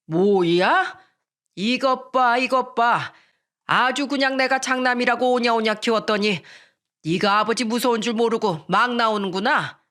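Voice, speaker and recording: A woman's voice: on the high side, unhurried, a bit bright. A woman voicing a hot-tempered, bullying father-in-law in his sixties in a storytelling radio drama, blustering and indignant. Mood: scornful.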